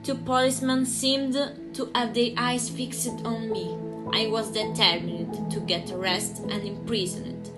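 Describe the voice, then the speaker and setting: A woman's voice: on the high side, steady tone, a little slow, lightly acted, rough recording. A woman playing a brave upper-class suffragette who tells her own story in an earnest, emphatic way. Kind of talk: historical drama acting. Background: music.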